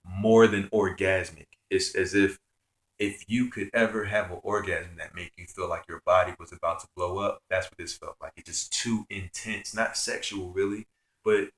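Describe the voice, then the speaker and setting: A man's voice: low voice, fairly bright tone, roomy sound. A man telling a personal spiritual story in an earnest, rambling way, with many fillers. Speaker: spiritual vlogger.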